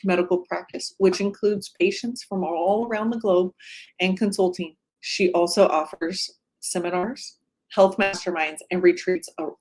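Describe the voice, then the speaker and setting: A woman's voice: mid-range voice, low-quality recording. A woman moderator reading a formal introduction in a polished, announcer-like way.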